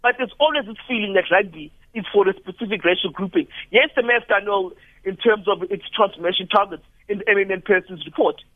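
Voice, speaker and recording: A man giving measured rugby analysis as a radio guest. He often restarts phrases while he builds an argument. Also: high voice, dry recording. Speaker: studio guest commentator. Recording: tinny phone line.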